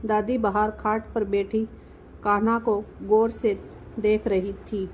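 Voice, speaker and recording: A young adult woman narrating a family story in a gentle, measured storybook manner. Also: mid-range voice, little pitch movement, a little hiss or hum, poor audio.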